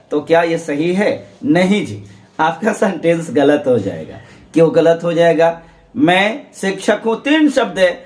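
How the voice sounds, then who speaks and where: A man teaching English grammar in Hindi, explaining step by step and asking and answering his own questions. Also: high voice. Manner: drills learners to repeat aloud.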